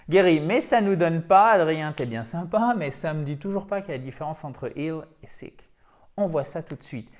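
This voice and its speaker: A man teaching English pronunciation in an online lesson, emphatic and lively, repeating words over and over. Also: medium pitch.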